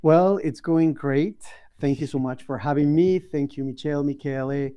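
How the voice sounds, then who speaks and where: A man's voice: fairly high pitch, moderate pace, clean tone, muffled recording. A man, a guest speaking over a video call, thoughtful and full of hesitant ums. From Colombia. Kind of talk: casual interview chat.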